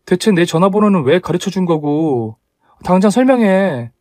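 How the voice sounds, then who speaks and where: A man voicing a sharp, indignant young woman who scolds her fiancé in a storybook tale. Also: medium pitch, animated, normal speed, dry recording, clean studio sound, close to an everyday voice. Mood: demanding. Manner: scolding, demanding.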